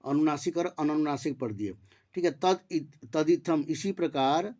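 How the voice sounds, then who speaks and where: A man teaching Sanskrit grammar online, explaining step by step, asking and answering his own questions, and reciting rules slowly syllable by syllable. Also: fairly high pitch, warm tone.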